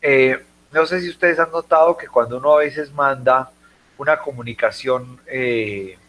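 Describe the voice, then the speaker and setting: A man's voice: medium pitch, unhurried, a bit bright. A man teaching a class, explaining patiently and checking in with his students often. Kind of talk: classroom lecture.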